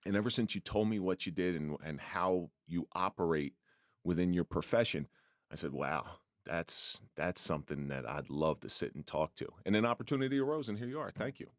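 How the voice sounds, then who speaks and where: A man's voice: sits low, fairly quick, no echo, studio quality. A middle-aged man hosting a podcast interview, chatty and given to restarting his sentences. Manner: talkative, repeats words when starting a thought. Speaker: podcast host. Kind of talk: casual interview chat.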